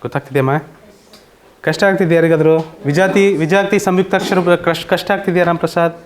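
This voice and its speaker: A man with a Karnataka accent teaching a slow, patient online grammar lesson, often asking students whether they understand. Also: a little high, steady tone, slight background noise. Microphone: computer mic on an online class call.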